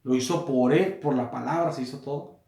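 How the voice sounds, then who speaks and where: A male pastor gives a sermon from a small room, his mid-range voice ringing off the walls. He repeats and rephrases as he goes, and swells to loud emphasis whenever he reaches a quoted line. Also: medium pitch, fairly quick, creaky, roomy sound.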